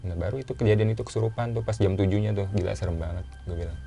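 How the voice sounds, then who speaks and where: A man with a casual way of talking, telling his own story as a guest in a relaxed chat and repeating phrases for emphasis. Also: fairly low pitch, very fast, gravelly.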